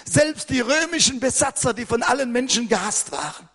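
An older man preaching an impassioned sermon as pastor, hurried and fervent, at times rising to a shout. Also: extremely high pitch, expressive.

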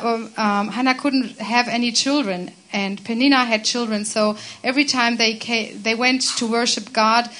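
A woman's voice: on the high side, sharp tone. A woman interpreting a German sermon into English phrase by phrase, with small restarts.

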